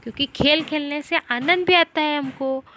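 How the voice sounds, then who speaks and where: A woman teaching a primary school class, reading words slowly syllable by syllable and asking the children questions. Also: high-pitched, pushed and bright, a little hiss or hum. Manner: slow, syllable-by-syllable reading drills with repeated questions. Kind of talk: online class lesson.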